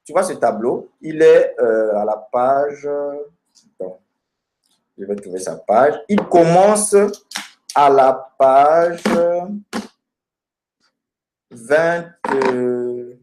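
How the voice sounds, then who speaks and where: A man teaching a language lesson from a textbook, addressing the student directly and pausing with fillers as he searches the pages and repeats word endings. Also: mid-range voice, animated, reverberant, background noise. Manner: halting, many fillers and repeated words while searching pages. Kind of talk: recorded lesson, talking through a textbook.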